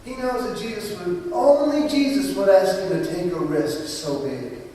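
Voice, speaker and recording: A man preaching a sermon in a church, telling stories with lively, dramatic delivery. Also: high-pitched, moderate pace. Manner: animated storytelling preacher, acts out voices. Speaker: pastor. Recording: distant mic in a reverberant church.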